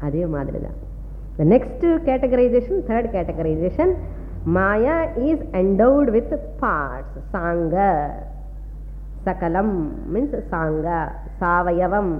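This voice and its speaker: A woman's voice: on the low side, animated, normal speed. A woman with a South Indian Tamil accent teaching philosophy in a didactic way, repeating key phrases and checking understanding. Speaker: Vedanta teacher. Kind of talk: philosophy lecture mixing two languages. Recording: tinny phone-like sound, long reverb, faint hum.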